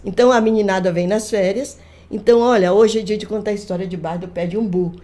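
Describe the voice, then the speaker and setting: An older woman, a grandmother, chatting on a podcast and retelling family stories with lively quoted voices. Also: medium pitch, fast talker. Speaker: guest, folklorist. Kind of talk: casual storytelling conversation.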